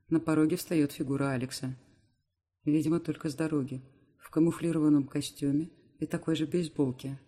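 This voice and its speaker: A male audiobook reader narrating a novel in the first person. His voice sits slightly high. The delivery is steady and scripted.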